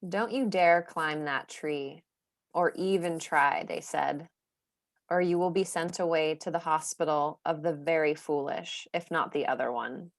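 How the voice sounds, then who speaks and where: A woman co-hosting a poetry and tea session, reading a poem in a calm, measured way. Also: low-pitched, vocal fry, dry recording, studio quality. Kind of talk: gentle poetry reading and chat.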